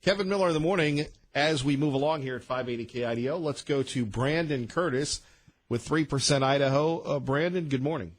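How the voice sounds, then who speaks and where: A man's voice: on the high side, fairly quick. A man hosting a radio talk show, conversational and direct, in a studio. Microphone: studio mic.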